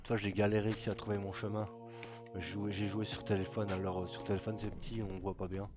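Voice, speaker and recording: A man's voice: on the low side, level tone, fairly quick. A man giving casual gameplay commentary, hesitant and thinking aloud as he goes. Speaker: let's play gamer. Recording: loud game music underneath. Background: loud game music.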